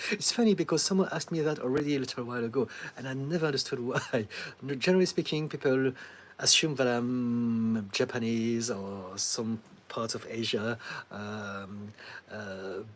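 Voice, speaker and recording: A middle-aged French therapist with a French accent and a medium-pitched voice calmly answers viewer questions on a livestream, offering advice. He laughs often and fills pauses with lots of ums, with slight background noise in the recording.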